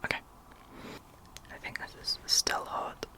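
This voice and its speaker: A young woman whispering a rambling, chatty ASMR video as its host. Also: unhurried. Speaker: ASMR creator.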